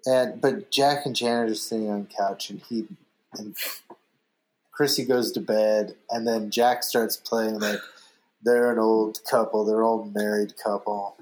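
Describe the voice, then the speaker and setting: A man's voice: fairly low pitch, level tone, measured pace, low-quality recording. A man co-hosting a podcast, recapping an episode in loose, hesitant run-on phrases. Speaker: podcast co-host. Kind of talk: casual chat reviewing a TV episode.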